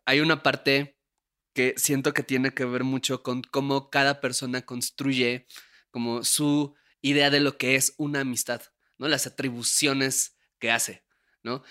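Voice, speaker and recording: Podcast host, young Mexican man, bright forward voice, loose talkative delivery with frequent laughs. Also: mid-range voice, little pitch movement, unhurried, clean tone. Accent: Mexican Spanish. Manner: chatty, laughs often, frequent tag questions. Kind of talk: casual conversation.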